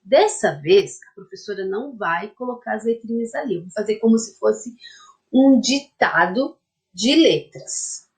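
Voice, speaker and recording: A woman primary school teacher with a fairly high, animated voice speaks a little slowly as she gives a lesson to young children. She's patient, uses many diminutives, checks in often with "tá?", and dictates a word syllable by syllable.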